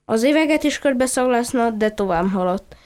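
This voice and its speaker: A woman reading a children's story aloud in a gentle, steady storytelling manner. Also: a little high.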